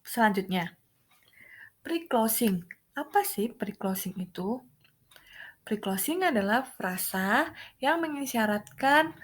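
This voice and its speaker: A woman's voice: fairly high pitch, fairly bright tone. A woman teaching English, who reads each example phrase aloud and then explains what it means. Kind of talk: classroom lesson.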